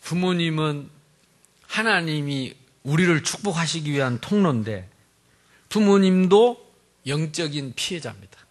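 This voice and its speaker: A male pastor preaching a sermon in an animated, humorous way, swinging between loud emphasis and quiet asides. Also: a little high, measured pace.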